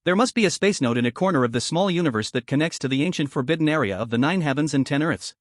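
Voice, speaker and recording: A fallen empress, reborn and wary, who lays out her plea with earnest gravity, read by a male narrator. The voice is somewhat high and dry, close to the mic. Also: animated, fast talker, no echo, lightly acted. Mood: serious. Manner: earnest, serious explaining. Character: tall graceful reincarnated empress, woman, guarded.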